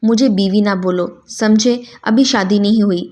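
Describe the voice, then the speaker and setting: A woman's voice: mid-range voice, dark tone, lightly acted. A woman voicing a headstrong, lovesick young woman with curt, defiant lines in a storybook reading. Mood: rude.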